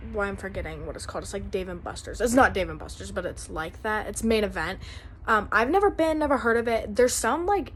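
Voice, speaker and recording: A young woman with a fairly high voice vlogs in an easygoing, talkative way, often saying "like" and "um." There's a slight hum of background noise.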